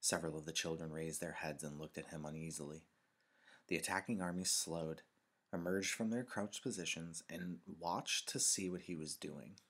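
A man, a teacher, reading a novel aloud in a measured, expressive storytelling manner with dramatic pauses. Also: deep voice, husky. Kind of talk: read-aloud narration.

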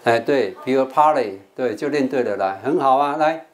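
An older man, a monk from Taiwan, speaks in a mid-range voice with a Taiwanese Mandarin accent at a moderate pace, with a little hiss or hum behind him. He is teaching an English vocabulary class, repeating words so students can drill their pronunciation and coaxing the class along.

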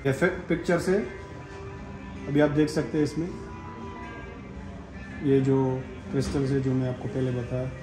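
A man's voice: mid-range voice, little pitch movement, unhurried, pauses often, reverberant, over music, rough recording. A man guiding visitors and explaining a digital artwork, mixing in English terms. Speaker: art gallery guide. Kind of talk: explaining an exhibit.

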